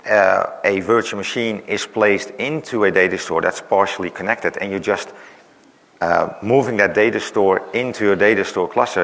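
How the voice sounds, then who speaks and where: At a technical conference, a man who is losing his voice presents in a low, slightly bright voice with vocal fry. He explains with lots of "uh"s and "right?" tags, and the recording has the reverberant sound of a large conference hall.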